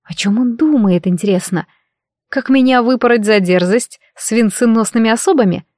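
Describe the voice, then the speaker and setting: A woman's voice: a little high, normal speed, darkish tone, no echo, studio quality. Wry woman narrating an audiobook. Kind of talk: first-person fantasy audiobook narration.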